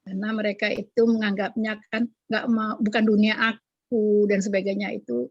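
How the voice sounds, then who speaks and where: A woman's voice: mid-range voice, little pitch movement, moderate pace, no echo, dull audio. A woman who cares for special-needs children speaks in an emotional way from her garden, often crying out to God. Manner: emotional, with religious exclamations. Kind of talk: casual live chat. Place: garden, outdoors.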